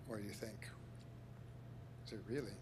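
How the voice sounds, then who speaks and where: A man giving a lecture and then answering audience questions, speaking in a measured, reflective way with some hesitation. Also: lowish voice, steady tone, heavy background noise.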